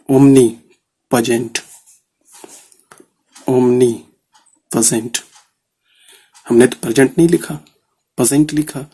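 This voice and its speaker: Soft-toned man teaching shorthand. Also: mid-range voice, gravelly, husky. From India. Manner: repeats words slowly while writing, many fillers. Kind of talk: casual explanatory lesson.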